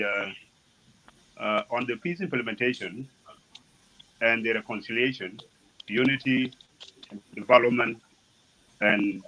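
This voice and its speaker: A man who is a community leader giving a formal speech at an online event, pausing often with fillers. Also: mid-range voice, bright, forceful tone, slight background noise, rough recording. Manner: halting, many fillers. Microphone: remote call audio.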